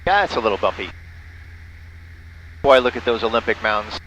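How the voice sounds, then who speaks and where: This pilot has a fairly low voice and talks animatedly, a little fast, with a slightly bright tone over poor audio. He narrates his small-plane flight casually, makes amateur radio calls, and spells callsigns phonetically while faint engine noise runs behind him.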